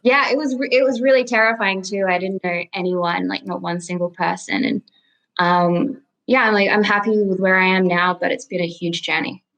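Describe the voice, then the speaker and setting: A young adult woman from Australia with an Australian accent, chatting casually as a podcast guest, relaxed and full of ums and likes. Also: medium pitch, normal speed, rough recording. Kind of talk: casual interview chat.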